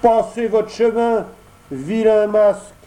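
A man's voice: sits high, slow, mellow, pitched above the performer's own voice, rough recording. A man voicing an earnest, proud wooden puppet boy in a storybook reading, with emphatic delivery. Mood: scornful. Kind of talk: audiobook character voice.

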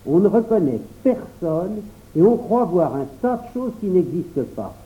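A man's voice: high-pitched, very animated, moderate pace, pitched above the performer's own voice. A man voicing a bossy, self-assured older boy in a read-aloud storybook, explaining things in a raised child's voice. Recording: tinny phone-like recording.

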